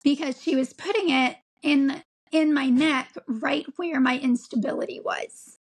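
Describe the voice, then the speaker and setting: A woman of forty, an interview guest, telling her own story in a halting way with frequent ums and restarts. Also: high-pitched, fairly even intonation, low-quality recording. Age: 40s. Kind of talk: candid personal account.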